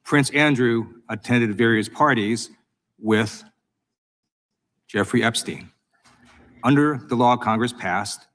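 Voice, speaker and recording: A man's voice: on the low side, a bit bright. An American man questioning a witness at a formal hearing as a congressman, prosecutorial, insistent and accusatory. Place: government hearing room.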